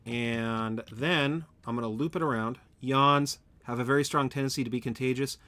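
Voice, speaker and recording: Chatting with his viewers as he builds, a man live-streams a factory-building game in a rambling, casual way. He speaks at normal speed in a steady, sharp-toned mid-range voice, and the recording is dry.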